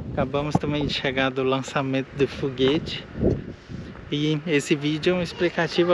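Walking through an airfield hangar, this Minas Gerais channel host, who is both an ophthalmologist and a pilot, talks casually for his vlog. His voice is on the high side, and his speech wanders, full of fillers and restarts. The background is noisy.

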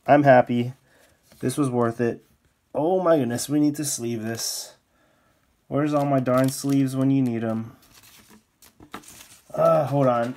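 Slow-talking excitable man unboxing cards. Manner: excitable, bursts into high exclamations. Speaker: card-opening YouTuber. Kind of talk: casual unboxing commentary. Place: indoors at a desk, off camera.

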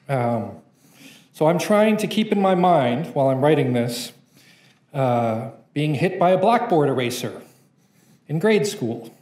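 At a podium mic in an echoey conference room, a young poet from Canada reads his spoken-word poem from notes. He sounds slightly high-pitched yet darkish in tone, delivering the lines rhythmically and playfully, with slight background noise present.

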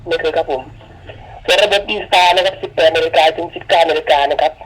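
A man's voice: high voice, fairly even intonation, brisk, a bit bright, husky, rough recording. A man speaking formally as a radio operator, heard through a walkie-talkie speaker.

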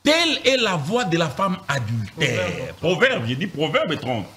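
Emphatic pastor. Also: male voice, fairly high pitch, wildly swooping pitch, measured pace, creaky, sharp tone. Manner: emphatic, repeats phrases, rhetorical questions. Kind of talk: animated Bible teaching in a televised discussion.

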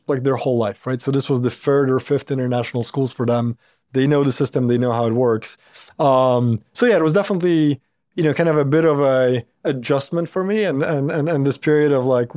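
A Polish-born man in his thirties speaks as an interview guest in a podcast studio, on a boom-arm mic. He is thoughtful and circles back often with fillers and restarts. His pitch sits in the middle and the sound is dry and close. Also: darkish tone, no room sound. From Poland. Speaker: startup founder and CEO, guest. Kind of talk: casual interview talk.

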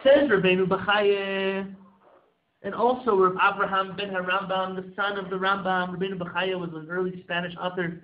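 A man's voice: sits high, flat delivery, moderate pace. A man, a rabbi giving an earnest motivational Torah sermon, exhorting listeners with rhetorical questions and repeated phrases. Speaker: rabbi, religious teacher. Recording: echoey room, phone-like muffled audio.

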